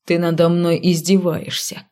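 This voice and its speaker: A woman reading an audiobook, voicing a sullen, stubborn male necromancer who snaps his lines low and hushed. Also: level tone, moderate pace, smooth, natural voice. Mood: menacing. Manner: curt, snapping, low and hushed.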